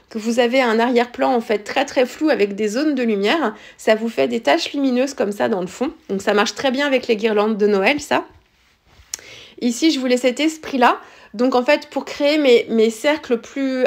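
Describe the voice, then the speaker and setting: A woman talking through a scrapbooking and watercolor tutorial in a relaxed, casual way, often pausing with fillers and restarting her sentences. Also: fairly high pitch. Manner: hesitant, many fillers and restarts. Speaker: scrapbooking crafter. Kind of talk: casual craft tutorial narration.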